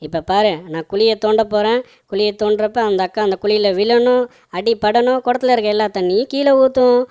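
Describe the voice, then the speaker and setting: A woman's voice: medium pitch, steady tone, fairly quick, a little mellow, clean tone, natural voice. A woman voicing a mischievous little boy in a doll play, bragging about his prank. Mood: scheming. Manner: playful, gleeful, bragging.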